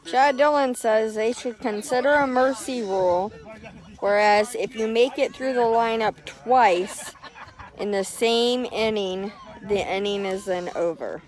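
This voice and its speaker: A woman's voice: fairly high pitch, measured pace, darkish tone, poor audio. A woman co-commentating on a ballgame, speaking briefly and asking questions. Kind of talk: casual sports commentary.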